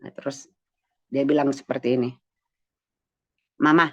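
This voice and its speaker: A woman's voice: deep voice, moderate pace, gravelly, lo-fi sound. A middle-aged woman leading a morning devotion, earnestly sharing a personal testimony and speaking straight to her listeners. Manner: earnest, addresses listeners directly.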